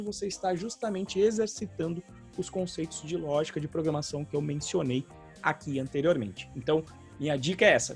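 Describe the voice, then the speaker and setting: High, gravelly Brazilian man explaining. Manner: explanatory, frequent "tá?" tag questions. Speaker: podcast co-host, programming teacher. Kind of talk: casual podcast chat.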